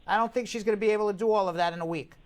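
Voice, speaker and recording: Male radio advice host, blunt n emphatic, bit high pitched, repeats himself to make the point. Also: very fast. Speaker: call-in show host. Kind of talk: live advice to callers.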